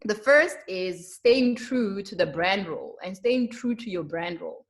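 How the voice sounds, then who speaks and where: A young woman with a South African accent presents a marketing webinar, speaking earnestly, animatedly and with emphasis. Her pitch is a typical mid-range for a woman, and she often fills pauses with ums.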